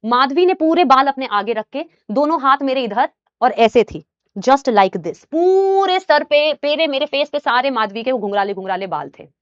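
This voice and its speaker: A young woman teacher telling a personal story in a casual, animated way, addressing listeners like her students. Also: high voice, dry recording, lo-fi sound.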